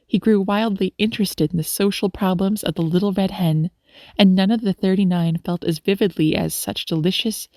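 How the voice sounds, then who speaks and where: A woman narrating a classic story as an audiobook, reading gently and giving the characters their own voices. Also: fairly low pitch, no echo, studio quality.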